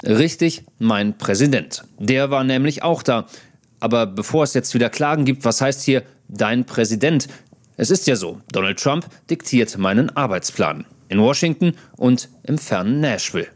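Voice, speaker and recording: A man's voice: mid-range voice, animated, normal speed. A man in his thirties, a foreign correspondent, narrating a personal video diary with dry, self-mocking humor.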